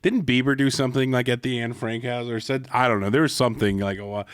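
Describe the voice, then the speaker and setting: A man's voice: mid-range voice, steady tone, fast, clear, resonant tone, no room sound. Laid-back joking young man, dry mic. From California. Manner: joking, laid-back, lots of likes and laughs. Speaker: podcast co-host. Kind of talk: casual chat.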